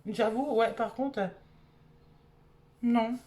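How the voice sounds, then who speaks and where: A woman's voice: on the high side, fairly even intonation, slow pace, mellow. A married woman from France, casually reviewing beauty products she bought and thinking aloud with lots of fillers. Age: adult, married. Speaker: beauty vlogger.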